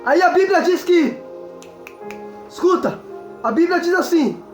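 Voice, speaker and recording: A man's voice: very high voice, expressive, a little slow. A man with a Brazilian Portuguese accent preaching a sermon as an evangelist, repeatedly urging his listeners to pay attention. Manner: exhorting, repeats calls to listen. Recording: echoey room with faint music.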